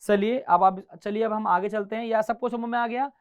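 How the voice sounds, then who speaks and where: A man's voice: high-pitched, steady tone, normal speed, clear, resonant tone. A male guitar teacher giving a classroom lesson, counting beats aloud and mixing Hindi with English. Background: faint guitar playing.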